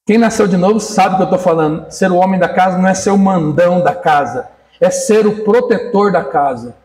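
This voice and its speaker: A man preaches a relaxed, joking sermon, breaking into small acted-out dialogues and calling on people in the pews by name. His voice sits fairly high for a man. The sound carries the echo of a church hall. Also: a little fast, recorded from a distance. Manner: jokey, acts out little dialogues, talks to the congregation by name. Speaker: pastor. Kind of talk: casual sermon.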